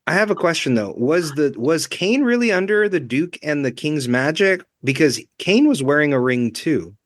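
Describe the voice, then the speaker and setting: A man's voice: a little high, animated, moderate pace, no room sound, clean studio sound. A man in a casual book club chat who asks questions and repeats his phrases while he thinks. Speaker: book discussion co-host.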